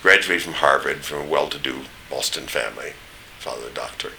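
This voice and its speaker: Deep-voiced older man, standard American accent. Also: a little fast, vocal fry, pushed and bright, slight background noise. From East Tennessee, United States. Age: older, 70s or above. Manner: rambling, anecdotal, searching for names. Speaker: interviewee recounting memories. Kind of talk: oral history reminiscence.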